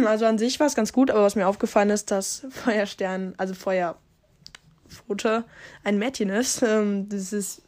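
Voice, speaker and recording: A woman's voice: mid-range voice, unhurried. A woman casually reading a story aloud and commenting on it, often stumbling and correcting herself. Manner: reads with slips and self-corrections. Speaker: podcast host reading a story.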